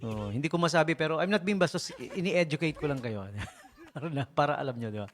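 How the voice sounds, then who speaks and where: A man from the Philippines, a radio DJ, tells funny stories at a quick pace in a fairly high voice, with slight background noise and music playing behind the broadcast. He's animated and jokey, chuckling frequently in a casual way.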